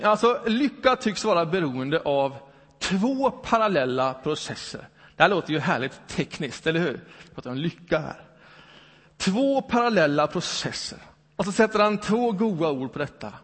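A man's voice: high-pitched, very animated, fairly bright tone, husky. A man preaching a Sunday sermon in a conversational way, full of rhetorical questions. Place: church hall. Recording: long hall reverb.

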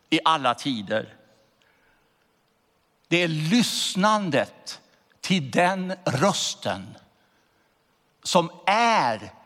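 A male pastor delivers a sermon in a slow, emphatic style and leans hard on the important words. His voice sits a little high for a man and moves through wide, animated swings of pitch. Long church reverb trails after each phrase. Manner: slow emphatic preaching with drawn-out key words.

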